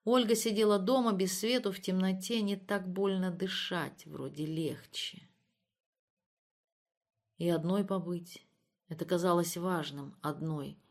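A woman reading literary prose as an audiobook narrator, measured and subdued. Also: on the low side.

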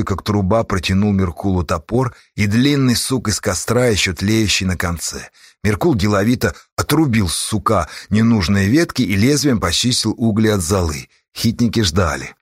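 Husky male audiobook narrator. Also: on the low side, dry recording, clean studio sound. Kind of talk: dramatic audiobook reading.

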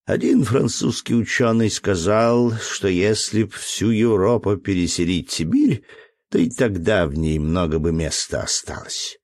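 A man's voice: on the low side, a little slow, darkish tone, no echo, natural voice. A man reading a novel aloud and voicing an older provincial postmaster who earnestly makes a remark.

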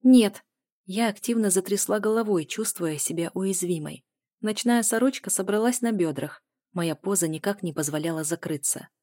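A woman reading a novel aloud as a first-person narrator, in an even storytelling manner. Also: medium pitch, moderate pace. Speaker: audiobook narrator.

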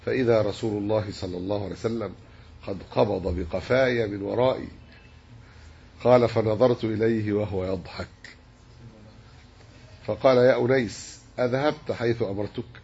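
Gravelly low-voiced sheikh lecturing. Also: male voice, fairly even intonation, a little mellow. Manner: measured, explanatory, dwells on word forms. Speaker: sheikh teaching hadith commentary. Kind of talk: religious lesson. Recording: dull lo-fi recording with faint hiss.

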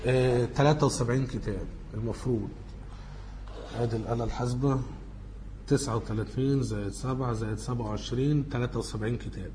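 A man's voice: medium pitch, steady tone, quick pace, mellow, a little hiss or hum. A man with an Egyptian Arabic accent giving an informal lecture, working through study questions and thinking aloud as he corrects himself.

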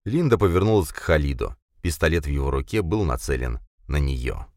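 A man narrating a thriller audiobook in an expressive, tense reading. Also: very deep voice, a little fast, dry recording, clean studio sound.

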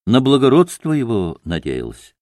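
A man reading the lines of an earnest, devout young woman in an audiobook, speaking low and heartfelt. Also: huge pitch swings, normal speed, darkish tone, no echo, clean studio sound.

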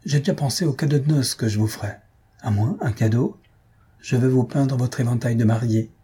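A husky-voiced man reading aloud, voicing a polite, grateful young woman in a storybook. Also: mid-range voice, a little fast, mellow. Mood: gentle.

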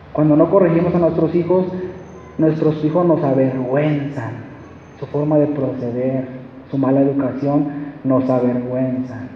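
A man's voice: high voice, a little hiss or hum. A man with a Mexican accent preaching a sermon, emphatic and repetitive, firing off rhetorical questions. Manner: emphatic, repeats phrases, asks rhetorical questions. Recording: echoey, dull hall recording.

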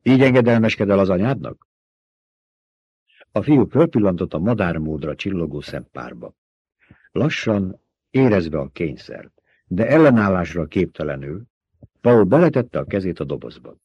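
Guy reading an audiobook, low husky voice, lively delivery, dry dull lo-fi sound. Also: dry recording. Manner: expressive, dramatic reading. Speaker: audiobook narrator. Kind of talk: scripted narration.

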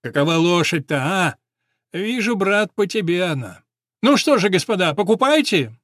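A man's voice: high-pitched, big pitch swings, moderate pace, a bit bright, no echo, clean studio sound, voice pushed up. A man voicing a boisterous, teasing horse-owning sportsman in a storybook reading.

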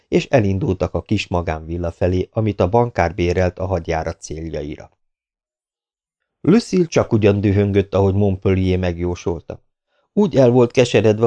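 A man reading a novel aloud as audiobook narrator in a steady, measured way. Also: deep voice, highs cut off.

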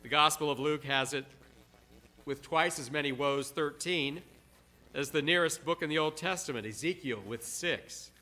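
Preacher, male, bright forceful tone, dramatic sermon delivery with emphatic repetition. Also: a little high. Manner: dramatic, repeats words for emphasis, slows on quiet phrases.

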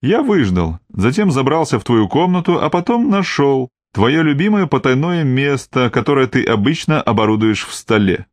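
A man's voice: mid-range voice, lively intonation, normal speed, hardly any pauses, no room sound, pitched above the performer's own voice, close to an everyday voice. A man voicing a wary, sardonic tough man in an audiobook, talking in a dry, mocking, cold way.

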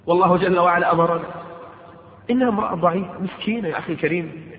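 Male preacher, impassioned and pleading, brisk delivery; echoey hall, tinny phone-like recording. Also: sits high. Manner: impassioned, pleading appeals to the listener. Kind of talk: sermon.

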